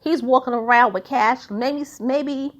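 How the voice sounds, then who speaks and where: A woman's voice: high voice, measured pace. A woman giving casual, opinionated commentary in an emphatic, blunt, colloquial way.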